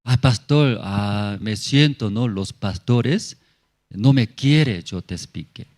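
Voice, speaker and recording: A man's voice: lowish voice, slow, darkish tone. A male pastor giving a sermon testimony in simple, broken phrasing, often checking in with tag questions. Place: church in La Paz.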